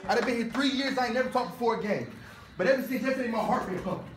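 High-voiced man's intense, echoey pep speech. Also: racing, over music. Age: young adult. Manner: repeats phrases insistently, intense. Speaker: football player. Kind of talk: impassioned pregame pep speech. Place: indoor locker room. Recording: echoey locker room with team noise.

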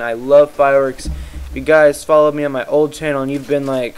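A tired young man from the Midwest, working as a YouTube gaming commentator, rambles casually over gameplay and often loses his train of thought. His voice is on the high side, clear and resonant, though the recording is rough.

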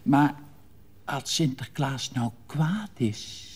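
An older man voicing a pale, quiet little girl who asks small, hesitant questions. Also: medium pitch, expressive, extremely slow, husky, pitched above the performer's own voice, exaggerated voice. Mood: anxious.

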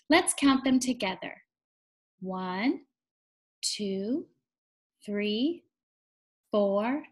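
Reading aloud to small children, a young woman uses a bright, fairly high voice full of life. She takes her time, speaking deliberately in the warm, sing-song manner of an encouraging teacher.

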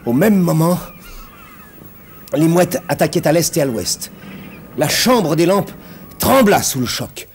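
A man telling a frightening story on television in a theatrical way, dropping to hushed tones and rising to cries. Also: a little high, expressive, slow pace, gravelly, long pauses, a little hiss or hum. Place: television studio set of a haunted castle.

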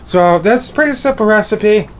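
A man's voice: high voice, lively intonation, normal speed, slight background noise. Upbeat young man rambling on camera. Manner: rambling, repeats words, upbeat. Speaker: vlogger. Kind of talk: casual cooking vlog. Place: small home kitchen and bedroom indoors. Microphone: phone camera at arm's length.

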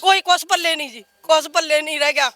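A woman's voice: high-pitched, fast, sharp tone. An older woman with a Punjabi accent, crying as she pleads for justice for her family, repeating herself. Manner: tearful, pleading, repeats phrases. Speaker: relative of the protester. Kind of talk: distressed testimony.

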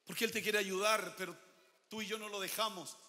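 A man preaches a sermon in a large church hall, his voice high and bright. He swings between loud, emphatic declarations and quiet asides. A long reverb trails each line. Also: fairly even intonation, fairly quick. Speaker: pastor.

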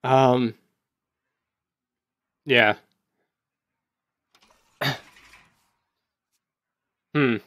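A man giving casual gameplay commentary, thinking aloud as he plays and breaking into sudden excited outbursts. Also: mid-range voice, very slow, pauses often, no echo, clean studio sound. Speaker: gaming YouTuber.

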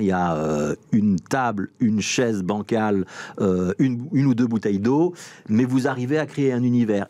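A man's voice: medium pitch, warm tone, dry recording. A man, a TV culture interviewer asking questions in a conversational way.

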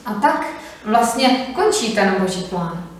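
A woman interpreting a sermon phrase by phrase, fluent and steady with brief hesitations, also reading scripture aloud. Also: mid-range voice, a little hiss or hum. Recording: echoey hall from far off.

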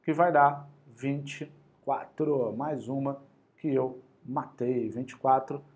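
A man with a Carioca accent teaching an energetic online exam-prep math lesson in a lively, slangy, motivational way. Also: medium pitch, slow pace. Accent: Carioca Brazilian Portuguese.

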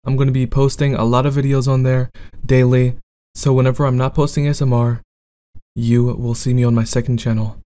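Mellow man making a casual announcement. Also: medium pitch, flat delivery, brisk, smooth. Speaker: ASMR video creator. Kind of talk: channel announcement to viewers.

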